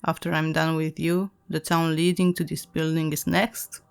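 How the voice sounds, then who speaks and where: A raspy male demon monster from a horror story, sneering and menacing as he taunts his prey, as a woman puts him on. The voice sits a little lower than a normal speaking voice and sounds gravelly and cruel. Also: flat delivery, normal speed. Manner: menacing, mocking.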